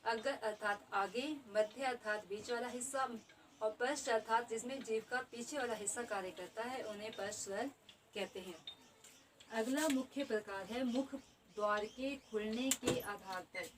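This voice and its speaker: A woman's voice: fairly high pitch, moderate pace, far from the mic, slight background noise, rough recording. A woman teaching an exam-prep grammar lesson, explaining each term twice and repeating definitions.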